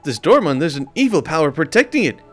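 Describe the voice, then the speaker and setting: A man's voice: on the high side, very animated, faint music behind, voice pushed up. A man voicing a cocky little male fairy sidekick, bossy and blustery as he reads game dialogue aloud. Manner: bossy, blustery, quick to scold.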